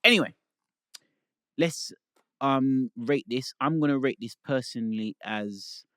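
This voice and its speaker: A man's voice: mid-range voice, a little slow, clean tone, dry recording, studio quality. Laid-back man hosting a chat. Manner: relaxed, laid-back banter with laughs. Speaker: podcast host. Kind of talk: casual chat.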